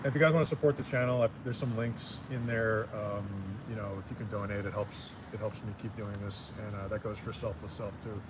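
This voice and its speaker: A man's voice: on the low side, steady tone, fairly quick, few pauses. Man, easygoing, hesitant, lots of fillers, street outdoors, heavy traffic noise. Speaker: streamer co-host. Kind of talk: casual chat. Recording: loud street traffic over the voice.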